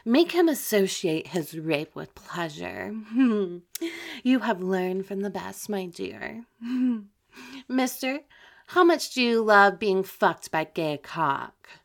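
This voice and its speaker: Domineering female demon , played by a woman, mid-pitched and unhurried, mocking with low chuckles. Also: animated, creaky. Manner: slow, mocking, with frequent soft laughs. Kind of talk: amateur audio roleplay.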